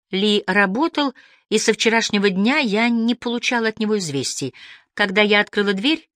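Expressive woman reading a story. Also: medium pitch, dry recording, studio quality. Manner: expressive, shifts between hushed and lifted delivery. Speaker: audiobook narrator. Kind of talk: first-person audiobook narration.

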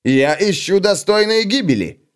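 A man doing a loud, boastful young dwarf warrior. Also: high voice, animated, clean tone, voice pushed up. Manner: loud, blustering and quick to take offence. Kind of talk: audiobook character voice.

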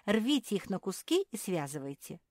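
A woman's voice: medium pitch, big pitch swings, normal speed, darkish tone, dry recording, studio quality, voice pushed up, lightly acted. A woman voicing a brave, bossy young female pet animal in a storybook, giving orders eagerly. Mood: bold. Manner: commanding, eager.

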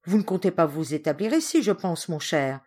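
A woman's voice: lowish voice, animated, fairly quick, darkish tone. A woman doing a scolding male servant. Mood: indignant. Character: indignant male house servant, suspicious.

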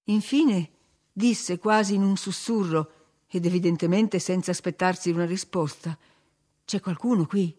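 A woman reading a novel aloud as audiobook narrator, in measured, dramatic storytelling. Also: on the low side, fairly even intonation, darkish tone. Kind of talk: expressive literary narration.

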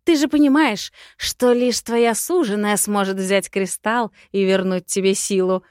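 A woman voicing a scheming, cruel witch who taunts in drawn-out, sing-song phrases. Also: medium pitch, steady tone, a little mellow, no room sound, clean studio sound, natural voice. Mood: gloating. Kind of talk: audiobook character voice.

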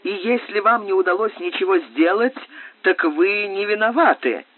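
A man's voice: high voice, lively intonation, moderate pace, dry recording, voice pushed up. A man doing a haughty defiant nobleman, tinny. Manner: haughty, firm, accusing. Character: proud defiant male nobleman under arrest. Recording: tinny phone-like audio.

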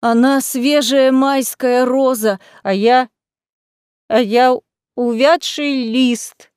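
A woman's voice: fairly even intonation, slow pace, a little mellow, clean tone, no room sound, clean studio sound. A woman voicing a drunk, tearful, spiteful middle-aged female administrator in a storybook reading. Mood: self-pitying. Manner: shrill, tearful, wailing.

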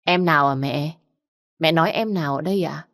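Storybook: gruff, blunt older sister voiced by a woman, low voice, dry sound. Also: fairly quick, a bit bright, no echo. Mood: cold questioning. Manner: blunt, coarse. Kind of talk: storybook reading.

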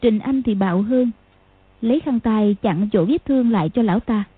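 A woman narrating an audiobook in an even storytelling manner, with a husky voice. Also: a little high, moderate pace, dry recording. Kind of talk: scripted narration. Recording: tinny phone-like, dry.

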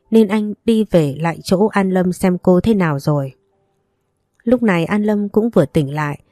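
A woman narrating a romance story in a steady, even reading style. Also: lowish voice, dry recording, clean studio sound.

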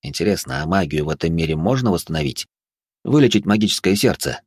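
A man narrating a first-person fantasy audiobook in a measured, even manner. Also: sits low, husky, no echo, studio quality.

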